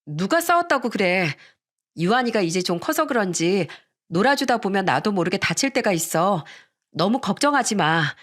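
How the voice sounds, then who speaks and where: A woman voicing an evasive, nervous young wife in a radio story reading, speaking slowly and hesitantly. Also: medium pitch, sing-song, fairly bright tone.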